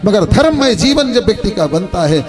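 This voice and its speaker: Man, spiritual teacher, storytelling sermon, high voice, sing-song preaching, faint music behind. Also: sing-song, normal speed.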